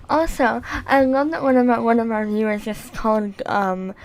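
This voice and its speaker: A woman co-hosting a live-streamed news show, talking casually with lots of fillers and easy laughter. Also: fairly high pitch. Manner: halting, full of fillers, laughs easily.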